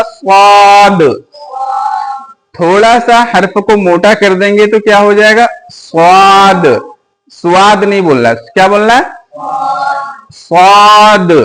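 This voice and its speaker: A man teaches the letters of the Quran, asking questions and going over each letter slowly and patiently. His voice sits high, and the audio quality is poor.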